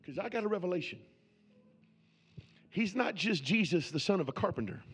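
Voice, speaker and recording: A man's voice: sits high, animated, brisk, husky. A man preaching a sermon as pastor, building with repeated questions.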